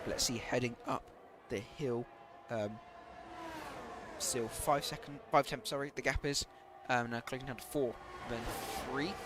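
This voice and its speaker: A man's voice: mid-range voice, noisy background. A man doing live commentary on an online racing league, talking hesitantly with many fillers, saying he is losing his voice.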